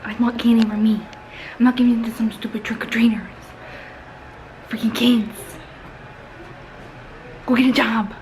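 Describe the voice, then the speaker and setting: Hushed, petulant woman putting on a prim young woman. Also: a little high, level tone, moderate pace, pauses often, a little hiss or hum, close to an everyday voice, low-quality recording. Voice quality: hushed half-whisper. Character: whiny self-righteous young woman character. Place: small bathroom indoors.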